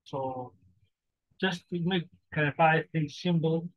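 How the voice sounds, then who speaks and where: A forex trading teacher whose first language is Somali gives an informal teaching monologue in halting, broken English, often repeating phrases. His voice is on the high side, and the recording is dry, slightly dull and lo-fi.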